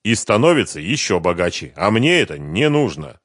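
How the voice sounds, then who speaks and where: A man's voice: on the low side, big pitch swings, moderate pace, a bit bright, dry recording, clean studio sound. A man voicing a weary divorced father who answers in a firm, exasperated voice.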